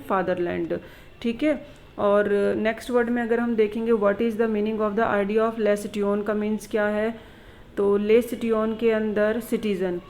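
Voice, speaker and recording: A woman teacher at a middle pitch talks students through exam questions. She reads each English question slowly and deliberately, then explains it in a relaxed, conversational Hindi-English mix. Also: low-quality recording. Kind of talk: exam revision lesson.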